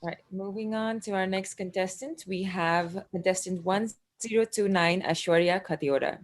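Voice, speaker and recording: A woman hosts an online pageant question round, moving contestants along briskly and keeping a friendly tone. Her voice is of middle pitch. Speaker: pageant host.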